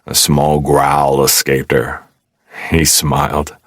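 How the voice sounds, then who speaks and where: A man narrating a post-apocalyptic fantasy audiobook in a steady, wry storytelling manner. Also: rumbling low, takes it slowly, no echo, clean studio sound. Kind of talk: scripted narration.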